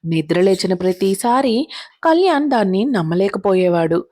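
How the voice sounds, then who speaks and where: A woman telling a serialized story in a steady, even narrating manner. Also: medium pitch, moderate pace.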